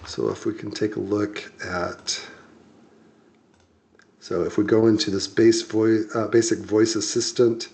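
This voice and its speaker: A man giving a relaxed screen-share coding walkthrough as a tutorial instructor, talking with many ums and restarts. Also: on the low side, measured pace, gravelly.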